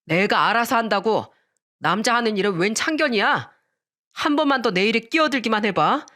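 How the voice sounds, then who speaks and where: A woman's voice: a little high, expressive, brisk, fairly bright tone. A woman voicing a lazy, surly middle-aged husband who talks in a curt, dismissive grumble. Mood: defiant.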